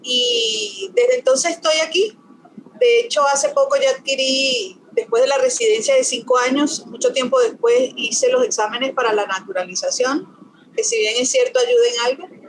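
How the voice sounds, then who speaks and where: A woman's voice: sits high, sing-song, normal speed, creaky, slight background noise, low-quality recording. A Venezuelan woman, a panel guest, talking casually over a video call.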